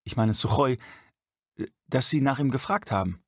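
Guy reading a polite young man, a bit hesitant, husky, dry close sound. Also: mid-range voice, lively intonation, moderate pace, no echo, pitched above the performer's own voice, lightly acted. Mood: curious. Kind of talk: audiobook character voice.

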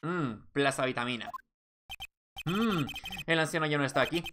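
A woman's voice: low voice, moderate pace, background noise. A woman casually playing through a game, reading dialogue aloud and commenting as she goes. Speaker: game player doing a dubbed playthrough. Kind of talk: casual playthrough with read-out dialogue. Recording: game music behind the voice.

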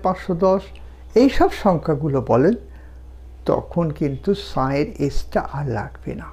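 A woman teaching French numbers, counting them out slowly one by one and explaining pronunciation step by step. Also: mid-range voice, darkish tone. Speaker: language teacher. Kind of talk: slow, deliberate language lesson.

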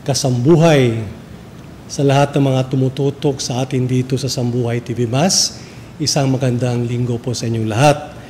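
A Filipino man, a priest, reading the Gospel and preaching at Mass in a measured, formal way, his voice carried by a cathedral echo. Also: darkish tone. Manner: measured, formal liturgical delivery. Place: large church. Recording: long church reverb, faint rumble.

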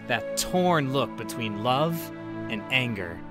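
A man's voice: medium pitch, animated, slow pace, over loud music. Man playing smug, swooping cartoon raccoon thief Sly Cooper. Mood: teasing, fond.

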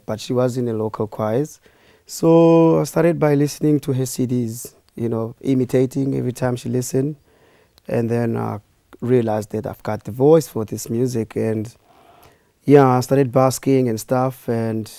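In a studio interview, a young man who aspires to be an opera singer tells his story in a relaxed way, with fillers. His voice is medium-pitched and the recording dry.

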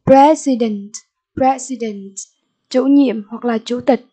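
Slow, high-voiced Vietnamese woman teacher. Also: dark tone. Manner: repeats each word slowly, then gives the meaning and stress. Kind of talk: recorded English vocabulary lesson.

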